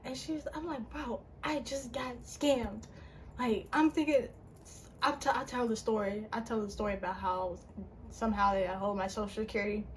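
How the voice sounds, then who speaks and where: A young woman casually telling a personal story on her channel, her voice jumping up in pitch and full of "like" fillers. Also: moderate pace, slight background noise. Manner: animated, with big pitch jumps and frequent "like" fillers. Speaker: vlogger.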